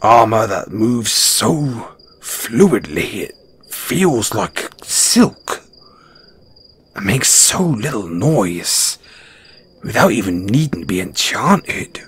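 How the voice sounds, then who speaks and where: In a fantasy audio roleplay, a man gives a full character voice to a kind, modest dwarven blacksmith, a battle-scarred and hearty adventurer. Speaking slowly on the low side with big pitch swings, a slightly bright tone and a breathy edge, he talks to a companion in a folksy, hesitant storyteller's manner, full of fond wonder.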